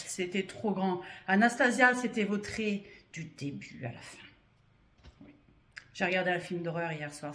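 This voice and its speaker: A woman vlogger chatting playfully to her viewers as she unboxes and reviews clothes. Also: mid-range voice. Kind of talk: casual unboxing chat.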